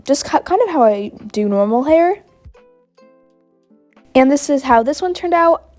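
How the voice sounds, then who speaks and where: A woman with a cold talks through her drawing in a casual, gushing way, clearly enjoying the process. Her voice sits a little high. Soft music plays faintly underneath. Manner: bubbly and gushing. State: has a cold. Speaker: art vlogger. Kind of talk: casual voice-over narration of a drawing.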